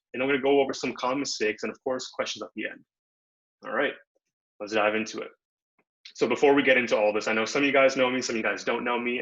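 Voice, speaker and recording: On a dull, lo-fi video call, a young Bangladeshi workshop presenter gives a casual, upbeat talk loaded with slang and fillers. His voice sits fairly low and has a sharp tone.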